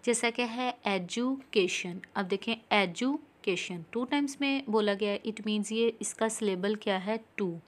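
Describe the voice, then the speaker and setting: A woman with a Pakistani accent giving an exam-prep lesson, reading English lines slowly and explaining them in mixed Urdu and English. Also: on the high side, steady tone. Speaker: teacher.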